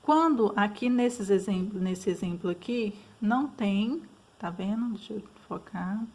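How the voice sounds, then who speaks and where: A woman's voice: mid-range voice, unhurried, darkish tone. A woman teacher with a Brazilian Portuguese accent, patiently explaining school exercises, often checking in with her students. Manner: patient, frequent fillers and checks like "tá bom?".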